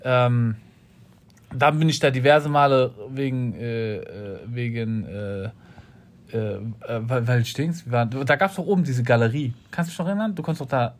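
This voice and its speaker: A man in casual chat, telling an animated story full of street-slang fillers. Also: mid-range voice, moderate pace.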